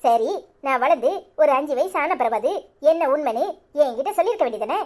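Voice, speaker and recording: A woman's voice: high voice, lively intonation, a little mellow. Woman voicing a stubborn young wife in a cartoon. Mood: accusing. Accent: Tirunelveli Tamil. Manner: accusing, insistent, rapid-fire questions. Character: young married daughter, bitter and stubborn. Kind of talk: cartoon serial voice acting.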